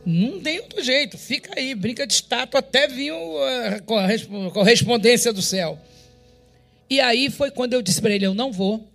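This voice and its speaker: Uma mulher com sotaque brasileiro prega seu testemunho diante da igreja, contando a história com muito drama e encenando cada diálogo. Ela ri com frequência e fala com energia. Ao fundo há uma música leve. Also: female voice, a little high, normal speed, vocal fry, faint music behind. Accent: Brazilian Portuguese. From Brazil. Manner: animated, dramatic storytelling that acts out dialogue and often breaks into laughter. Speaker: pastor. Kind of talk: testimony preached to a congregation.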